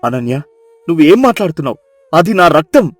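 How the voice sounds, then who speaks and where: A man voicing a bitter young husband in an animated storybook, shouting his contempt. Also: a little high, a little fast, no echo, soft background music. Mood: furious. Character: furious bitter young husband, scornful and cruel.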